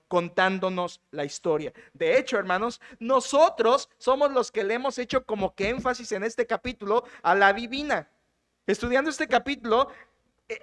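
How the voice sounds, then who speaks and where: A man pastor preaching a sermon, asking rhetorical questions and slowing down to stress scripture quotes. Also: sits high, a bit bright. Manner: teaching, addresses congregation as brothers, rhetorical questions; slows and stresses key phrases when reading scripture.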